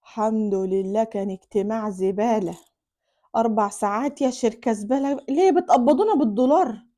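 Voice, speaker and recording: A woman voicing a weary husband in an Egyptian accent, grumbling with loud exasperated bursts. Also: a little high, fairly quick, natural voice. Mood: grumbling tired.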